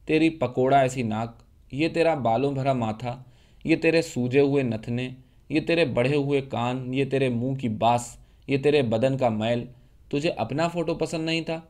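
A man's voice: mid-range voice, natural voice. A man voicing a scornful, fiery young woman. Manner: mocking, cutting, rising to shouts.

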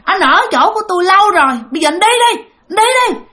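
A woman's voice: expressive, fast talker, exaggerated voice. A woman voicing an angry female ghost who scolds a tenant to leave her room. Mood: furious. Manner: shrill scolding, rising to shouts.

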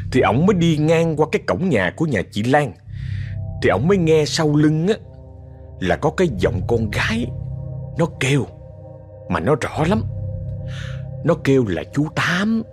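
A man with a Southern Vietnamese accent spins a ghost story, chatty and dramatic, his pitch swinging up and down as he talks straight to his listeners. Soft music plays underneath him. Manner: chatty, dramatic, addresses the audience often.

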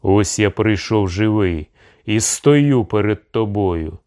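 A man's voice: on the low side, takes it slowly, a little mellow. A man voicing a proud, hot-tempered young tsarevich in an audiobook, speaking in a commanding, indignant way. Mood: imperious.

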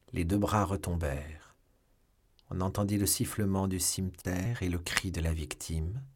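A man reading a classic novel aloud in a measured, dramatic style. His voice sits low and has a husky, breathy edge. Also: a little mellow. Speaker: audiobook reader. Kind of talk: scripted audiobook narration.

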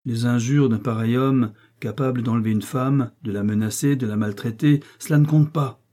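A man's voice: mid-range voice, fairly even intonation, moderate pace, mellow, natural voice. A man reading the part of a cautious policeman who objects urgently, in an audiobook. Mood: protesting. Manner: protesting, urgent. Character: cautious male policeman, protesting.

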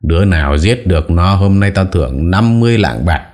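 A man's voice: low voice, animated, fairly quick, darkish tone. A male narrator voicing a furious, tyrannical old lord who roars and scolds with contempt. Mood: roaring rage. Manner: roaring, harsh and contemptuous.

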